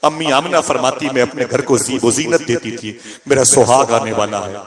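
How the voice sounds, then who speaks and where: A man's voice: mid-range voice, normal speed, a crowd in the background. A man preaching a dramatic storytelling sermon, voicing grief and quoted speech.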